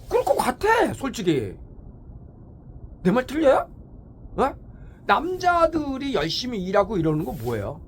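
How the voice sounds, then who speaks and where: A man hosting a morning talk show in a casual opinion monologue, animated and rhetorical, often asking his listeners "eh?" and acting out other people's voices. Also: fairly high pitch, slight background noise. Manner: acts out quoted voices.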